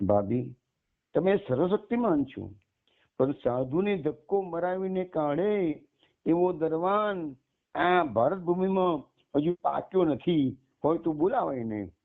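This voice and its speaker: A man as a serene, gently teasing holy man. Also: a little high, unhurried. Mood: calm. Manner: soft, calm and sweet-toned. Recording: tinny phone-like line.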